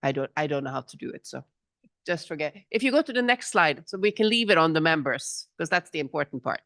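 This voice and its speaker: This is a middle-aged woman with a low voice, talking into a handheld mic at a conference. She sounds relaxed and chatty, with little laughs and restarts, and the sound is dry and close. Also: fast talker, no room sound. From Norway. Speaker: business association representative and panelist. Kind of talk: informal panel talk at a conference. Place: conference hall, on stage. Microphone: handheld microphone.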